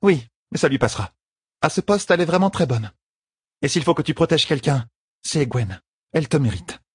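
A man voicing a poised, teasing young queen in an audiobook, with a husky tone and composed delivery. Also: a little high, lively intonation, fairly quick, no echo, studio quality, voice pushed up. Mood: earnest. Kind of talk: audiobook character voice.

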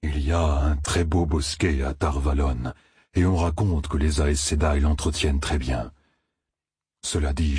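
A man voicing a patient, gentle giant male Ogier in an audiobook, calm and kindly. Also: extremely low pitch, husky, dry recording, clean studio sound, full character voice. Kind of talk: audiobook character reading.

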